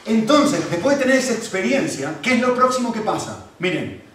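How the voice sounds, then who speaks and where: Male preacher, animated sermon delivery with wide pitch swings, distant mic, faint noise. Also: brisk. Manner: animated, emphatic, repeats phrases for emphasis. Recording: echoey room from far off, faint background noise.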